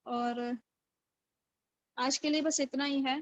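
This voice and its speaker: A woman teaching an online recitation class, slowly drawing out each word and then explaining quickly, heard over a video call. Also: high voice, steady tone, dry recording.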